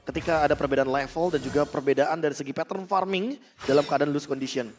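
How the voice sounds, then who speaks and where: High-voiced Indonesian man, esports caster. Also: fairly even intonation, fast, slight background noise. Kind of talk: analytical esports match commentary. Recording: music behind the voice.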